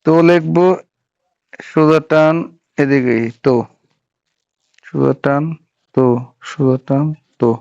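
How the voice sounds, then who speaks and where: A man's voice: on the high side, fairly even intonation, slow pace, vocal fry, long pauses, a little mellow. A man teaching a Japanese writing class, patiently walking through each stroke step by step and checking that students follow. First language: Bengali. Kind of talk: classroom lesson. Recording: dull lo-fi sound.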